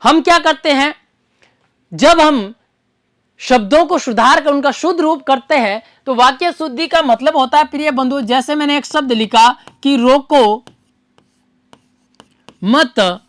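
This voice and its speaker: A woman's voice: sits high, moderate pace, a bit bright, no room sound, studio quality. A woman teaching an exam-prep grammar lesson. She asks the class questions, answers them herself, and repeats key terms for her students.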